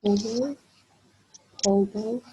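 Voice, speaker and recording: A woman's voice: mid-range voice, steady tone, extremely slow, a crowd in the background. A woman student in an online class who asks a question and repeats words after the teacher.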